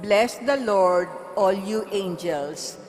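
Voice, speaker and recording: A woman's voice: mid-range voice, darkish tone, faint music behind. Reverent woman cantor in cathedral echo. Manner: slow, reverent. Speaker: cantor and lector. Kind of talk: leading psalm responses at Mass. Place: large church. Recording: long echoing church reverb.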